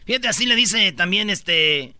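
A man's voice: high voice, animated, unhurried, bright, forceful tone, no echo. A man with a Mexican accent hosting a comedic countdown radio show, joking and acting out people's voices. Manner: jokey, acts out people's voices.

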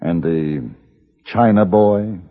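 Paladin, a cool low-voiced gunman. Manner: measured, clipped, understated. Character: cool, terse male gunman and narrator. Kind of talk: 1950s radio drama narration and dialogue. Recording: muffled old radio with music.

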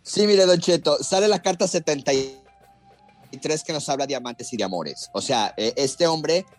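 A man's voice: a little high, animated, normal speed. Male fortune teller with music behind him. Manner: reassuring, advising. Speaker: fortune teller and psychic reading cards on a call-in radio show. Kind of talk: fortune teller giving a card reading on air.

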